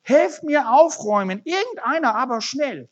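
A preacher voicing a frantic ordinary man in a parable, who exclaims in a high, agitated voice. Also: very animated, takes it slowly. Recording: dull lo-fi recording.

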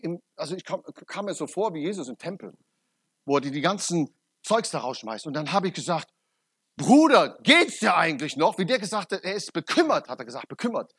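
A middle-aged man preaching a personal testimony. His voice is somewhat husky and sits a little high, and he swings from loud, urgent outbursts to quiet, low asides. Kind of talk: testimony sermon.

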